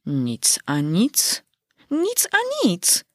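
High, lively, stubborn little storybook girl, voiced by a woman narrator. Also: extremely slow, no room sound, studio quality, heavily acted. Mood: insistent.

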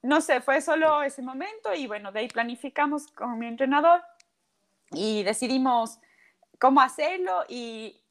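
A woman talks with a high, bright pitch. She tells a personal story in an animated way and puts on the voices of the people in it. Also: moderate pace. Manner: animated, acts out quoted voices. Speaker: guest athlete. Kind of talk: storytelling in casual chat.

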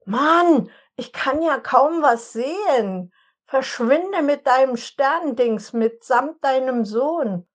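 A woman voices a father herding reindeer, scolding hard in a raised, higher voice. He sounds furious and loud in this storybook reading. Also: expressive, slow. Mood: angry. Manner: scolding, shouting. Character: angry male reindeer herder father.

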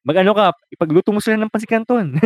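A man with a Filipino accent co-hosting a casual podcast, talking straight to listeners and often dropping into a low mutter. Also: very fast, no echo. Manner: chatty, addresses listeners as guys, drops to a low mutter. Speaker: podcast co-host. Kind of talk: casual chat.

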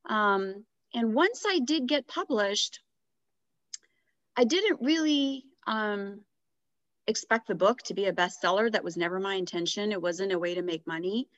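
A woman's voice: mid-range voice, unhurried, no room sound. A middle-aged woman guest on a podcast, telling her story in a reflective, casual way. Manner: reflective, animated when retelling dialogue. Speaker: guest author. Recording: dry, slightly dull podcast audio.

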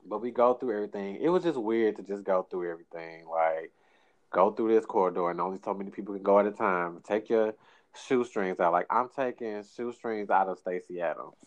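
Dude w a st just telling a story, dry and easygoing, lowish voice, close dry sound. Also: male voice, brisk, no room sound, poor audio. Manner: dry, laid-back delivery with lots of "like" fillers; acts out the people he quotes. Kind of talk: casual storytelling chat.

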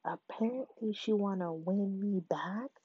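A woman's voice: medium pitch, unhurried, slightly rough, dry recording. A woman telling a story in a casual, blunt, profane and dramatic way. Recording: dull lo-fi sound.

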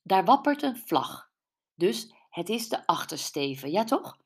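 A woman voicing a lively, affectionate woman in her forties in an audiobook. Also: medium pitch, a little slow, breathy edge, pitched above the performer's own voice, full character voice. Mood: urgent. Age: 40s. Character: lively woman near fifty, a warm best friend.

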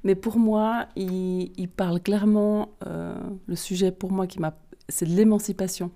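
A woman's voice: mid-range voice, steady tone, measured pace, creaky, warm tone. A woman from Switzerland with a Vaud accent, a holistic therapist interviewed on a podcast, speaking hesitantly and searching for her words. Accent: Vaud Swiss French.

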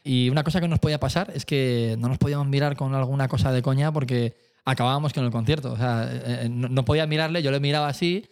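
A man telling a lively anecdote about his band on stage, acting out voices, laughing and swearing casually. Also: mid-range voice, fast talker, hardly any pauses, clear, resonant tone. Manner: animated storyteller, acts out voices, laughs often, swears casually. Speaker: musician telling a tour story.

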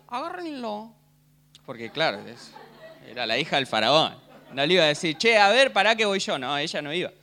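A man with an Argentine accent preaching a sermon, telling the story in a jokey, animated way and often checking in with his congregation. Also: a little high. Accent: Argentine Spanish. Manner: animated, jokey, keeps asking the crowd "¿sí?".

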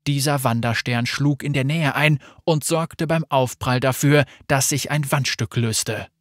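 An audiobook narrator reading in a steady, measured storytelling manner. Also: medium pitch, no echo, clean studio sound. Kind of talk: scripted narration.

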